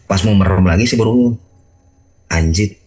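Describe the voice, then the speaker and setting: A man hosting a video call, casually telling his own ghost story in an animated way, acting out sounds with big jumps in his voice. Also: low-pitched, quick pace, poor audio.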